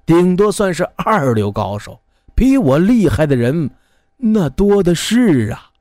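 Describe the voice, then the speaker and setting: A man putting on a skinny little old martial arts master from a spoken folk tale, speaking softly and lower than usual. He sounds modest and brushes off praise, with a dry, close sound. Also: very animated, measured pace, dry recording. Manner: modest and self-deprecating.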